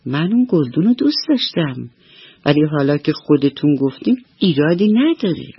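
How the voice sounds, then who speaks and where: Brief: warm-hearted mother mouse, calm and low, as a woman storyteller plays her, husky, dry radio sound. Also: dry recording, muffled recording, heavily acted. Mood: gentle. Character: gentle, loving mother mouse.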